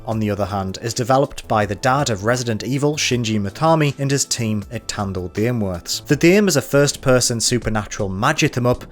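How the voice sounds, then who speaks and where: A man with a Geordie accent talks through a games roundup in a voice of middling pitch. His scripted narration is broken up by dry, wry little jokes. Soft music plays quietly underneath. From North East England. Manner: wry, with dry jokey asides. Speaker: games journalist.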